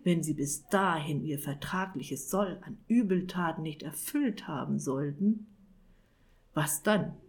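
A woman's voice: low-pitched, a little slow. A woman voicing a coldly polite male emissary of the devil, speaking in a clipped, half-whispered tone. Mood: icy polite. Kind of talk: audiobook character voice.

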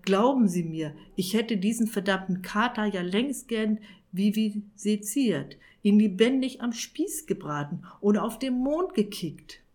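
Woman putting on a panicky old warlock man, high pleading whine, audiobook figure. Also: lively intonation, measured pace, a little mellow, natural voice. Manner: shrill, pleading, rising to cries. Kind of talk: audiobook character voice.

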